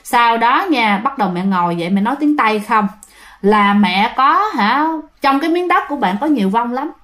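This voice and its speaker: A woman with a Southern Vietnamese accent tells a ghost story in a loose, chatty way, often turning to address her listeners. Her voice sits a little high. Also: animated, normal speed, fairly bright tone. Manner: chatty, addresses listeners directly, many fillers. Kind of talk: casual ghost story narration.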